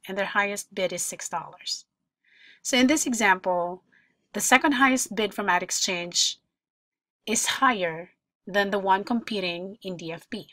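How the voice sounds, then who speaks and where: A woman's voice: mid-range voice, a bit bright, no room sound. Dry close-miked woman explaining step by step. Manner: explanatory, walks through examples step by step. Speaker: ad tech tutorial presenter. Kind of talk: screen-share tutorial voice-over.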